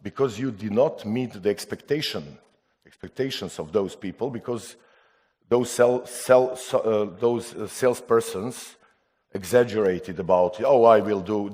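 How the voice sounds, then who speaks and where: A man from Serbia speaking non-native English at a conference, halting with restarts and putting rhetorical questions to the audience. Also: fairly low pitch, a little mellow. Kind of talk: conference talk.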